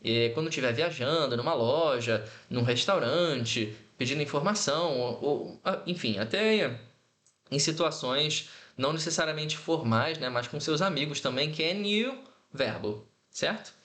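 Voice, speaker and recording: A man teaching English in an online lesson, patiently explaining and repeating example phrases slowly. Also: on the high side, lively intonation, fairly bright tone, roomy sound.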